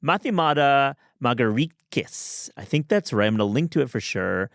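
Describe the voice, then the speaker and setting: Chatty man with a low, smooth voice. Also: lively intonation, fast talker. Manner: enthusiastic, chatty, many restarts. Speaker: podcast host. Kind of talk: casual chat.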